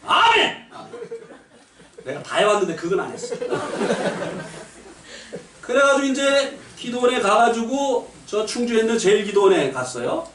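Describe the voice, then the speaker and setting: A man giving a lively testimony at a gospel meeting, telling stories with shouted punchlines and laughter. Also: extremely high pitch, normal speed, long pauses, background noise. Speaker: lay preacher giving a testimony. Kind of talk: sermon testimony. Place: church meeting hall. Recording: echoey hall, mic from a distance.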